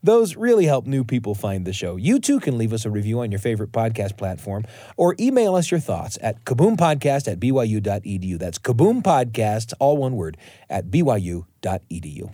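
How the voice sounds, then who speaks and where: A man co-hosting a podcast in a conversational, expressive way. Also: on the low side, a little fast, dry recording, clean studio sound. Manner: expressive, animated delivery. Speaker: podcast co-host.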